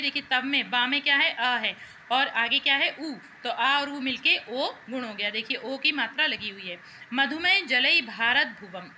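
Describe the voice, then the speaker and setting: A woman teacher with a high-pitched, pushed, bright voice patiently explains Sanskrit worksheet answers to her students, repeating herself and often turning questions back to the class. The recording is rough, with slight background noise.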